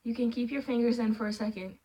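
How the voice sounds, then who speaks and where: A woman reading a calm, coaxing young man. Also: a little high, quick pace, lightly acted, poor audio. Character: young man, soothing and controlling partner.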